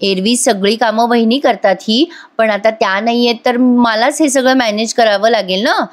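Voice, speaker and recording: A woman's voice: on the high side, normal speed, lightly acted. A woman voicing a chatty young sister-in-law who asks favours.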